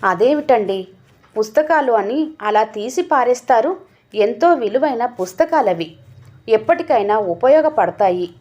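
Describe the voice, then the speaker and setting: Shy hurt young wife, woman reading her, hesitant and pleading, higher voice. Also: lively intonation, a little slow, darkish tone, highs cut off. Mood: timid hurt.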